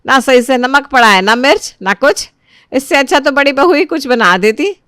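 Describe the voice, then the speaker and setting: A woman voicing a nagging, sharp-tongued older mother-in-law who scolds and taunts. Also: medium pitch, animated, a little slow, dry recording, clean studio sound, natural voice. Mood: scolding.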